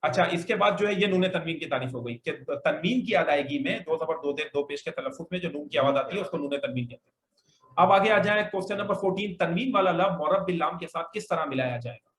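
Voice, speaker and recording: A man's voice: fairly high pitch, quick pace, fairly bright tone. A male Arabic teacher leading a classroom grammar lesson, drilling students with questions and having them repeat answers back.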